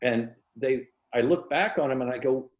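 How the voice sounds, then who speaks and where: Wry and self-deprecating, an American writer from Tampa, Florida joins an indoor video call as an interview guest, his medium-pitched voice at normal speed. He talks casually before reading aloud from his own novel, and the audio sounds roomy and muffled.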